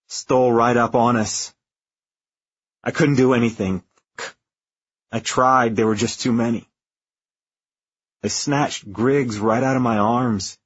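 Slow, husky, frightened young man. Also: medium pitch, dull audio. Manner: halting, shaky, despairing. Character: terrified young male lieutenant trapped on a stricken spaceship. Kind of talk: dramatized audiobook acting.

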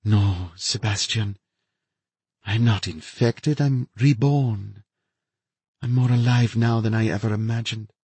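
A man voicing a feverish, unhinged woman scientist who gloats in a high, breathy, lilting voice. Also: slow, darkish tone, no room sound, exaggerated voice. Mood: gloating.

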